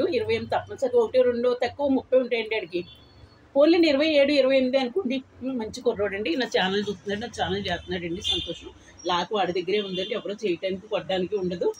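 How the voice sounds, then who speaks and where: A woman's voice: a little high, a little hiss or hum, low-quality recording. A woman in her eighties chatting bluntly and at length to her viewers in a casual vlog. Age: 80s. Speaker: vlogger. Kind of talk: casual chat to camera.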